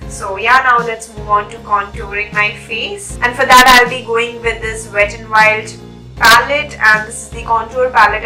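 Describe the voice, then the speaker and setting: A young beauty vlogger with a cold chats to viewers during a makeup tutorial and apologises for having been away. Her voice is nasal, fairly high, pushed and bright. The room echoes, and faint music plays behind her.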